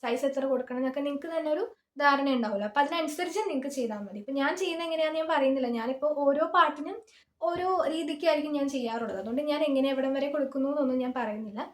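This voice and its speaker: A woman's voice: high-pitched, very fast, roomy sound. A woman singer giving a chatty, informal app tutorial and often pointing things out as she shows them. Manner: chatty and informal, often saying "see" while showing things. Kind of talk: casual screen-recorded tutorial. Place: small closed room.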